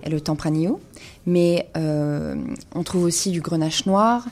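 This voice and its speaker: A woman's voice: deep voice, a little slow, a little mellow. A woman presenting a weekly radio column on wine, speaking in a studio with frequent hesitations and fillers.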